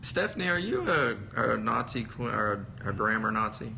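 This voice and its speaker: A man's voice: medium pitch, sing-song, normal speed, vocal fry, pushed and bright, dull audio, slight background noise. A man co-hosting a podcast, teasing in short casual interjections. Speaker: podcast co-host. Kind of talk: casual chat.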